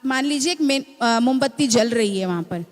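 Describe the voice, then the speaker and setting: Delivering a sermon in a church hall with long reverb, this high-voiced woman speaks expressively at normal speed. She's a mother of a small child, young adult to middle-aged, and she teaches, frequently checking with the congregation "है ना?".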